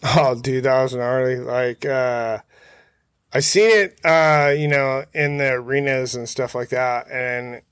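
A man's voice: medium pitch, slow pace, fairly bright tone, clear, resonant tone, dry recording. A man, chatting in a laid-back, slangy, hesitant way as an interview guest. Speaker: interview guest, motorcycle hill climb rider. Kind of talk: casual chat, telling racing stories. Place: outdoors in a backyard.

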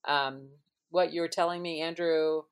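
A woman's voice: low-pitched, fairly even intonation, moderate pace, clean tone. A woman from Minnesota hosting a casual podcast, chatty and rambling, laughing easily. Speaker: podcast host. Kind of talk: casual chat.

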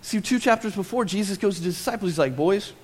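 Animated preacher in a reverberant hall. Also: male voice, high voice, fast talker, slightly rough. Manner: animated, acts out quoted voices, swings from loud to hushed. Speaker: pastor. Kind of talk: sermon.

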